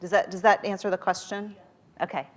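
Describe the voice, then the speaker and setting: A woman's voice: mid-range voice, fairly even intonation, brisk. A woman speaking as a motivational workshop leader to a live group, conversational and emphatic, often using rhetorical questions.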